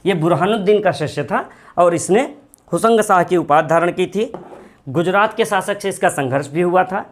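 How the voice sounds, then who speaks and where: A man teaching a history class, repeating key names slowly so students can write them down. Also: high voice. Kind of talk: classroom lecture.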